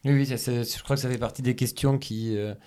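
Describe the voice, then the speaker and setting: A man hosts a radio interview, asking questions at a measured pace. His voice is mellow and relaxed at a middle pitch. He stammers now and then while searching for words. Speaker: radio host.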